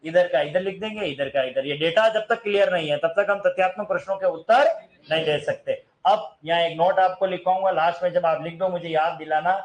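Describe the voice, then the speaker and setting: A man's voice: high voice, a little fast, poor audio. A man teaching a grammar lesson, asking his class questions, answering them himself, and singing snatches of songs as examples. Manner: sings snatches of songs to show long vowels.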